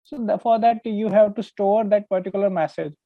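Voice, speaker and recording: A man's voice: sits high, fairly quick, dry recording. Phone-like audio, Indian male trainer explaining. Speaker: database trainer. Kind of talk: explanatory online lesson. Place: online call with screen sharing. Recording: narrow phone-like call audio, dry.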